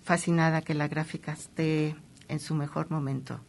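A woman's voice: deep voice, fairly even intonation, normal speed, creaky. A woman speaking as a guest in an interview, explaining with enthusiasm. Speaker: printmaking guest. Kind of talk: interview conversation.

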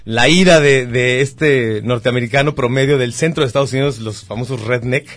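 A man's voice: mid-range voice, brisk, a bit bright, no echo, faint music behind. A man hosting a radio talk show, talking casually and with strong opinions, using many fillers.

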